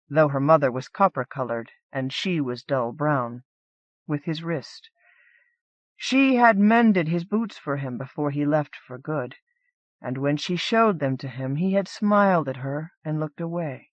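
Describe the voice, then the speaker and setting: In scripted audiobook narration, a woman reads literary fantasy fiction with a deep, animated voice at a measured pace. There is no echo, and the sound is a dull lo-fi cassette audiobook transfer.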